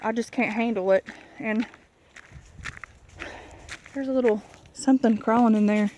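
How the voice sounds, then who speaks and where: A woman with a highish voice chats to her viewers in a candid, folksy ramble. She is walking outdoors along a rural road, and light noise sits behind her words. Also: fairly even intonation, unhurried, warm tone. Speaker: vlogger. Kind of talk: casual chatting walking vlog. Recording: noisy outdoor country recording. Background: clear outdoor noise.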